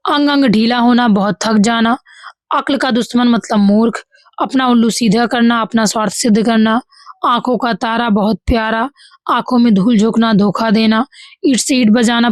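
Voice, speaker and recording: Woman teacher, Bihari Hindi accent, fairly high voice, dry close recording. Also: darkish tone, dry recording. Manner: reads examples then corrects them, says "ठीक है" often. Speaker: exam-prep teacher. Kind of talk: hindi grammar lesson walkthrough.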